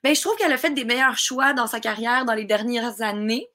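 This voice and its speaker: Bright-voiced Québécois woman, chatty. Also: fairly high pitch, a little fast. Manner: chatty, lively, laughs often. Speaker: guest, dubbing actress. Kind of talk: casual interview chat.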